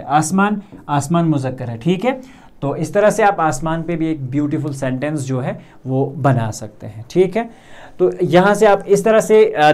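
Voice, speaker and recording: A young man with a Kashmiri accent teaching a grammar lesson, repeating words slowly and checking in often with "theek hai". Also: on the high side, a little mellow.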